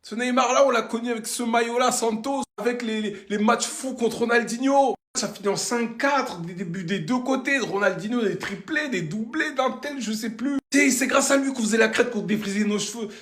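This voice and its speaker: A man reacting to football highlights in an animated way, breaking into shouts and exclamations. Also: normal speed, echoey room. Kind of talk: excited reaction video.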